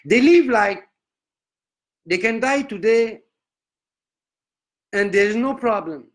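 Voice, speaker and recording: A solemn, self-important male prophet, as a man puts him on, preaches in broken English with a Nigerian accent. His voice rides high and swings widely from word to word. He stretches out every phrase in a slow, grand sermon. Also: expressive. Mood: preaching. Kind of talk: comic sermon.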